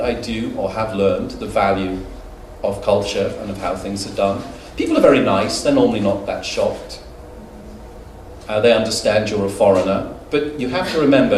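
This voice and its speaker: A man's voice: fairly low pitch, a little mellow. A middle-aged man from the UK giving a conference lecture, conversational and humorous, with anecdotes and filler words. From United Kingdom. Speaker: conference speaker. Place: conference hall. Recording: echoey hall, mic far off, faint noise.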